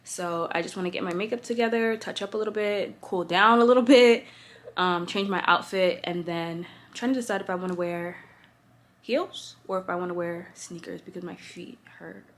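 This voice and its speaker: A young adult woman, a fashion influencer, talks casually to camera in a fashion vlog, her voice on the low side and at normal speed. She's chatty, slangy and relaxed, speaking straight to her viewers.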